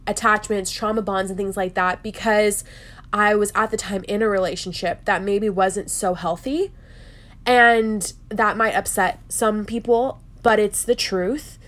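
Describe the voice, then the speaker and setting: A woman hosting a solo podcast in an earnest, confiding way, sounding nasal and stuffed up, as if under the weather. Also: medium pitch. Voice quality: nasal, congested. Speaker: podcast host.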